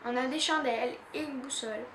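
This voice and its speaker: A woman reading a storybook aloud, voicing a cheeky, adventurous young girl who talks quickly and eagerly. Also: high voice, a bit bright, reverberant, a little hiss or hum, poor audio.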